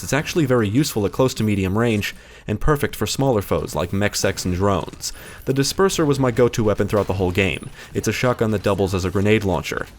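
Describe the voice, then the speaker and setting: Over faint background noise, a man with a fairly low voice delivers a scripted game review as a voice-over, speaking at a quick clip.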